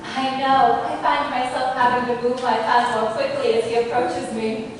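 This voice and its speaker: A woman's voice: fairly high pitch, level tone, normal speed, natural voice. A woman playing a giddy, admiring young society lady in a theatrical period comedy. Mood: giddy, dreamy. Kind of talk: theatrical stage acting. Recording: echoey hall from far off, noisy.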